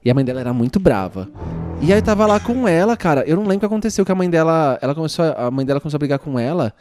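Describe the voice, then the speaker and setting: A man with a Brazilian accent in casual chat, telling embarrassing stories in an animated way. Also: fairly high pitch, racing, over music. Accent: Brazilian Portuguese. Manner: animated storyteller, calls his listener "menina".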